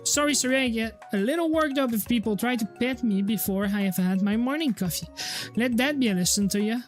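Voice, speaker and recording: A woman voicing a small, frazzled dog who works as a professor, lecturing in a hurried, apologetic way. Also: on the high side, soft background music, lightly acted. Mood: fussy.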